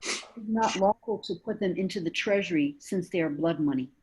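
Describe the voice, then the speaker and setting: A woman's voice: lowish voice, fairly quick, darkish tone, natural voice. Woman acting stern accuser on noisy call. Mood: cold, dismissive. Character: stern chief priests and demanding crowd. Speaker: amateur church reader. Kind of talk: dramatic scripture reading. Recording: noisy video call with clicks.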